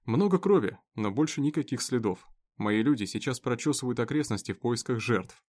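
A man voicing a level-headed deputy who urges calm in a pleading tone. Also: medium pitch, brisk, lightly acted. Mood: urgent. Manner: urgent, pleading reason.

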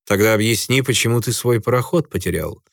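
A man reading a calm stern fleet commander. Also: fairly low pitch, brisk, gravelly, no echo, studio quality. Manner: even, matter-of-fact.

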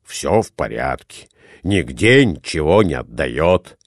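A man's voice: rumbling low, big pitch swings, slow, dry recording, clean studio sound, pitched below the performer's own voice, full character voice. A man voicing a clumsy middle-aged husband who grumbles and mutters in a storybook reading. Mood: grumbling.

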